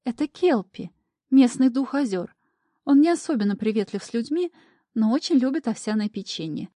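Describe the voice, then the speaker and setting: Gentle young forest girl, as a woman reads her. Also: on the high side, lively intonation, normal speed, no room sound, studio quality, pitched above the performer's own voice. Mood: reassuring. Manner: gentle, reassuring.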